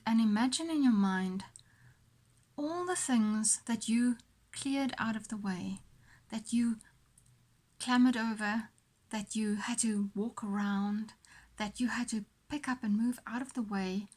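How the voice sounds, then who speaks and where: A woman host guides a visualisation in a motivational coaching style, speaking deliberately with pauses and repeated phrases. Her voice is a little high and a little mellow.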